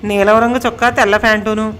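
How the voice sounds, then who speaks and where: A woman voicing a frantic, sharp-tongued middle-aged wife who scolds and wails loudly in a storybook tale. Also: level tone, quick pace, a little hiss or hum, lightly acted. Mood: panicked. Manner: loud, shrill scolding and wailing.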